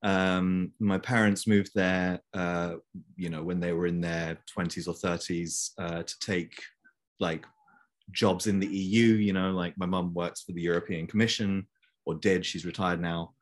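Young male guest, low voice, rambling easy chat, video call. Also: steady tone, unhurried. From Belgium. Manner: chatty, many fillers. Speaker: interview guest. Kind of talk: casual conversation.

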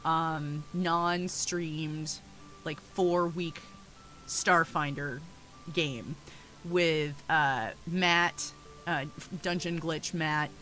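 A woman's voice: low voice, fairly even intonation, extremely slow, pushed and bright, faint music behind. A young woman co-hosting a podcast, telling a story in a chatty way with frequent laughs. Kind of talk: casual chat.

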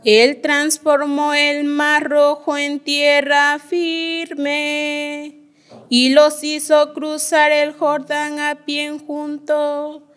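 A woman's voice: sits high, monotone, very slow, fairly bright tone, soft background music. A woman delivering a psalm as cantor at Mass, in sung and recited liturgical phrases.

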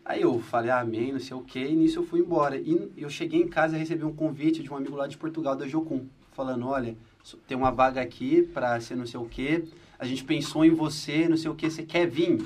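A man's voice: mid-range voice, fast, husky, far from the mic. A man in his twenties telling a story in a casual chat, acting out quoted voices. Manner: animated storyteller, acts out quotes. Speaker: podcast guest.

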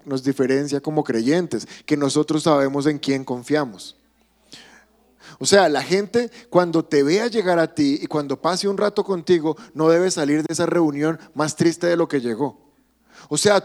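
A man's voice: a little high, darkish tone. A man, a pastor preaching a sermon at a church service, emphatic and asking the congregation questions.

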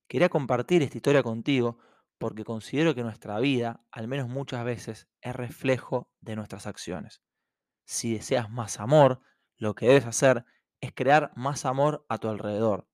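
A man hosting a self-help podcast, telling a parable and then speaking calmly and directly to the listener. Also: medium pitch, no echo, clean studio sound. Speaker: podcast host. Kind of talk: reflective self-help narration.

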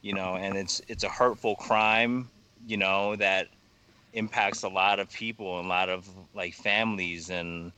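Rambling, bright-voiced male podcast guest. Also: deep voice, steady tone, clean tone. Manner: rambling, halting, heavy fillers and swearing. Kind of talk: casual podcast conversation.

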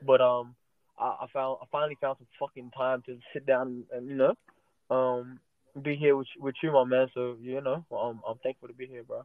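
A young Australian man in his twenties chats casually as a guest, swearing freely and stumbling over repeated words. His voice sits at an ordinary middle pitch. It comes through thin and phone-like, recorded from inside a car. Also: flat delivery, normal speed, no room sound. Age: 20s. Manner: loose, profane, repeats words while thinking. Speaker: rapper guest. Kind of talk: casual interview chat. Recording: tinny phone-like sound.

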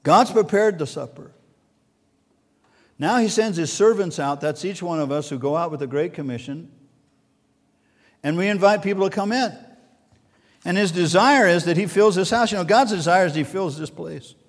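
A man preaching a sermon as pastor, swinging between soft and loud and repeating key words. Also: sits high, moderate pace, pauses often, long reverb tail.

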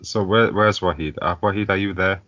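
A very deep, smooth man chatting on a podcast, flat and monotone, chuckling now and then. The sound is dry and a little dull, as on an online call. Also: a little fast, no echo. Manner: laid-back, chuckles often. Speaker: podcast co-host. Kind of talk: casual chat. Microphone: online call mic.

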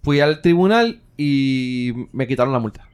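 A man with a Puerto Rican accent chatting casually, relaxed and joking, with frequent backchannels. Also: medium pitch, a little slow, clear, resonant tone. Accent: Puerto Rican Spanish. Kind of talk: casual chat.

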